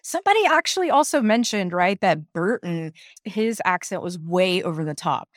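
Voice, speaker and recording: In a fairly low voice at normal speed, this podcast co-host from the American South pushes her views hard while recapping TV casually, animated and opinionated throughout. The sound is clean studio audio without room sound.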